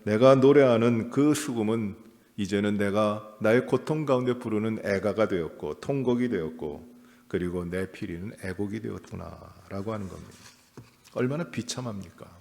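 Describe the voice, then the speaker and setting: A man's voice: lowish voice, moderate pace, gravelly, a little mellow. A man preaching a dawn prayer sermon, moving between plain explanation and a lamenting, pleading voice. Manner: lamenting, pleading tone while voicing Job's cries. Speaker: pastor. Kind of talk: early-morning prayer sermon. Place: church sanctuary. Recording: long church reverb.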